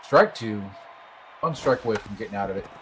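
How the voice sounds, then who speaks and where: A man's voice: fairly low pitch, expressive, brisk, slight background noise. A man giving casual play-by-play commentary on a baseball game, with scratching in the background. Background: scratching and scraping noises.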